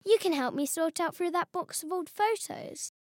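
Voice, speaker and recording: A woman voicing a kindly, practical mum in a children's story, speaking in a gently encouraging way. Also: extremely high pitch, normal speed, dry recording, studio quality, pitched above the performer's own voice. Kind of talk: children's story read aloud.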